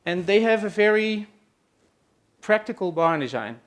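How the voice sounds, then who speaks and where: A Dutch-accented man from the Netherlands, hosting a farm tour session, makes a live introduction to an audience in a room at a trade expo. His high voice is expressive, but his speech halts often. Fillers like "uh" and "let's say" come up frequently.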